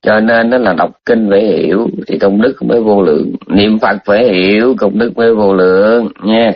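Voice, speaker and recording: A man's voice: on the low side, moderate pace. A man giving a chatty, conversational Buddhist dharma talk, teasing his listeners and repeating his points with emphatic asides. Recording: dull lo-fi recording.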